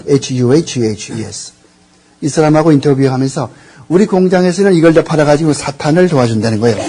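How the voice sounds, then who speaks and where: A man's voice: a little high, expressive, fast, warm tone, slightly rough. An older man lecturing on theology, rambling, searching for words and quizzing the audience with questions. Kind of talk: classroom lecture.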